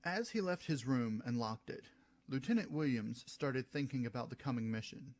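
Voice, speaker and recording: A man narrating his own science fiction story in a steady reading voice. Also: mid-range voice, normal speed. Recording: soft music behind.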